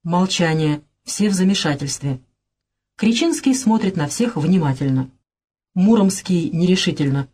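A woman reading a play aloud, giving the stage directions in a plain, even way. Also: on the low side, measured pace, breathy edge. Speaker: reader.

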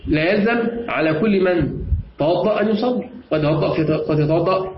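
A man's voice: high-pitched, brisk. A man with an Egyptian accent teaching a class. He explains step by step, repeats key phrases and quizzes his students. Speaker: teacher of Islamic jurisprudence. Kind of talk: classroom lesson with questions to students. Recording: echoey, dull lo-fi room recording with clear noise.

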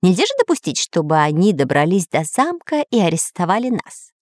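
A woman's voice: lowish voice, big pitch swings, fairly quick, no room sound, studio quality. A woman voicing a fawning male parrot sidekick in a children's audiobook, with an eager, ingratiating squawk. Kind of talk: audiobook character voice.

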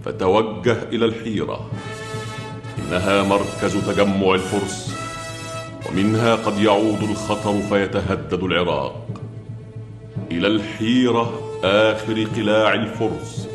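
A man playing a stately herald who reads out the caliph's orders, measured and ceremonious, in a historical drama. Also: fairly low pitch, fairly even intonation, close to an everyday voice. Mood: solemn, commanding. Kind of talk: formal proclamation in classical Arabic historical drama. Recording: echoey voice over background music.

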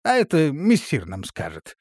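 A man voices a brash storybook wizard-guard in a raised, rowdy pitch. He booms and crows with lively swings. The sound is dry and close. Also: moderate pace, slightly rough, dry recording, heavily acted. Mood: mocking. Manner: shouting, boisterous. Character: fiery brash male wizard-guard, rough and reckless.

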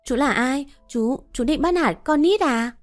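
A woman's voice: high voice, unhurried, soft background music, voice pushed up. A woman voicing a bratty young boy who taunts and then begs in a raised voice. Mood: scared pleading.

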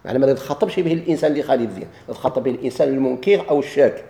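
A man's voice: mid-range voice, racing, vocal fry, mellow, roomy sound, a little hiss or hum. A man with a Moroccan Arabic accent teaching a grammar lesson. He keeps posing questions and answering them himself.

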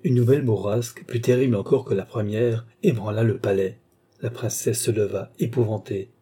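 Male audiobook narrator, very dark and husky voice, steady dramatic reading. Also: on the low side, moderate pace. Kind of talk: scripted narration of a classic novel.

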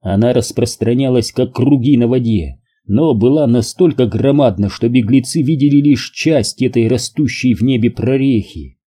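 A man narrating an audiobook in an even, measured reading. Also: medium pitch, slightly rough.

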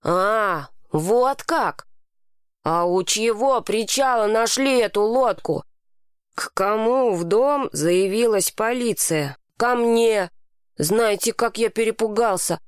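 A woman's voice: medium pitch, lively intonation, slow, smooth, no echo, clean studio sound. A woman voicing an angry, frightened boy who hisses accusations. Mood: furious. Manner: hissing, accusing. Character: angry scared boy, fierce and resentful.

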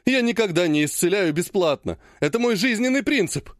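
A man's voice: high voice, animated, brisk, no echo, studio quality. A man voicing a frightened young male healer who whines and pleads tearfully. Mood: whining.

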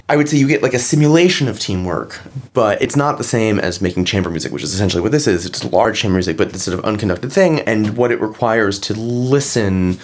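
A man's voice: mid-range voice, darkish tone. A man, a composer, chatting eagerly as a guest in an interview, full of fillers and restarts. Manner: eager, talks in quick bursts with many fillers. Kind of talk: casual interview chat.

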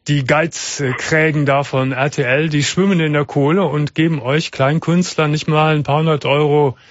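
Blunt late-night radio host, dry studio sound. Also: male voice, fairly high pitch, fairly even intonation, moderate pace, dry recording. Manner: blunt, sympathetic, prompting questions. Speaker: radio talk show host. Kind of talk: late-night call-in talk. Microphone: studio microphone. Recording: slightly dull radio broadcast sound.

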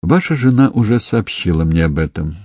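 A man voicing a calm, wry young police investigator with a dry, ironic manner, in an audiobook. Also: low-pitched, fairly quick, breathy edge, dry recording.

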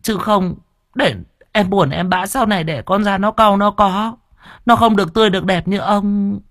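A man's voice: high voice, moderate pace, fairly bright tone, no echo, studio quality, pitched above the performer's own voice. A man voicing a scheming middle-aged stepmother who screeches, wails and nags. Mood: wheedling. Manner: screeching, wailing, nagging.

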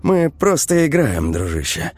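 A man's voice: on the high side, big pitch swings, a little slow, darkish tone, dry recording, pitched above the performer's own voice. A man voicing a tense teenage boy who is a protective older brother, talking firmly and holding back his anger.

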